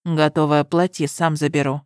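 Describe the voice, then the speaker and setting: A woman voicing a stern, suspicious young male guard commander in an audiobook, speaking flatly and coldly. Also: sits low, normal speed, no room sound, studio quality, natural voice. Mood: grave. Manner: flat, cold, commanding. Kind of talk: audiobook character reading.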